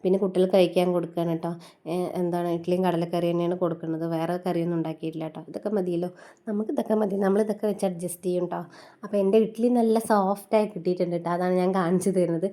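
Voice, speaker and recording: A woman in her thirties with a Malayali accent narrates a family vlog in a quick, easygoing patter. Her voice is mellow and dark rather than bright, and she keeps tagging friendly little asides onto her lines as she talks. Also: on the low side, steady tone. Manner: chatty, homely, often ending lines with a tag. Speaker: family vlogger, mother. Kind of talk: casual voice-over narration.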